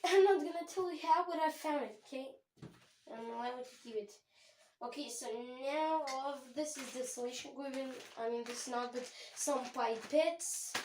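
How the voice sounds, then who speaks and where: A woman's voice: sits high, darkish tone. A woman giving a rambling, chatty tour of her home chemistry lab, often correcting herself. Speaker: home chemistry channel host. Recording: echoey room.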